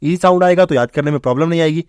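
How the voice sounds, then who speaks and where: Fast-talking, dry-voiced vocabulary teacher man. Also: fairly high pitch, clear, resonant tone, no echo. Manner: keeps checking in with "theek hai bhai" and quizzing the viewer; mixes English words into fast classroom Hindi. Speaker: English vocabulary teacher for exam prep. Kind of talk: explaining memory tricks for words.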